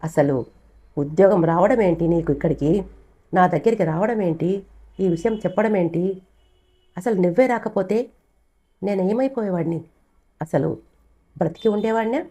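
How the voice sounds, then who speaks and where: A woman's voice: on the low side, normal speed, pauses often, mellow, slightly rough, pitched above the performer's own voice. A woman voicing a frightened young man who pleads anxiously in a told story.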